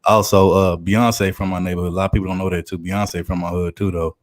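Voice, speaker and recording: A man's voice: low-pitched, flat delivery, fast. A man in his thirties from Houston with a Southern accent, chatting casually and rambling with many fillers. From Houston, Texas. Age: 30s. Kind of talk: casual podcast chat.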